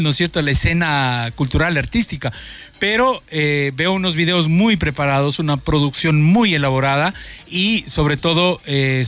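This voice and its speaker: Reporting live for a radio remote broadcast from a town park in the rain, a man speaks effusively, with plenty of hesitations and restarts. His voice is fairly high-pitched and fairly bright.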